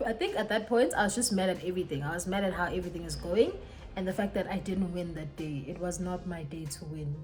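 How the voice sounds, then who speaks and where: A young South African woman telling a storytime in a casual, animated way. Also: lowish voice, fast, over music. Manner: animated, code-switching, dramatic retelling. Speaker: vlogger. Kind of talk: casual storytime while getting ready.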